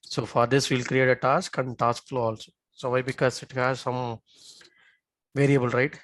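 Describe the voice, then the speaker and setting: A male software instructor narrates a live on-screen demo in a middle-pitched, level voice at a moderate pace. The recording is dry, with no room sound or echo. He pauses often to make sure learners are keeping up, checking in with short tag questions.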